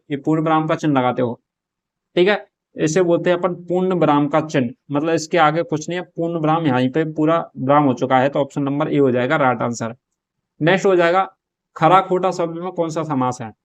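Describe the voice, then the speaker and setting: A male teacher from Rajasthan with a slightly high voice solves a model paper in an exam prep lesson. He explains step by step, posing questions and answering them himself.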